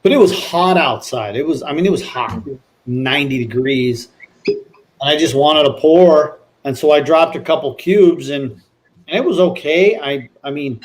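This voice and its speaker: Slow-talking man in casual chat. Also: on the high side. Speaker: livestream panelist tasting bourbon.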